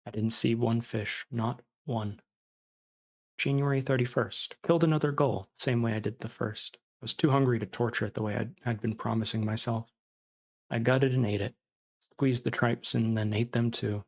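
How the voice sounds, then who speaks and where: Man reading as a creaky, callous castaway diarist. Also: mid-range voice, steady tone, normal speed, darkish tone, close to an everyday voice. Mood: hungry, weary. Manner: callous, self-justifying, confessional. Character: starving, bitter disgraced surgeon stranded on an island, writing a diary.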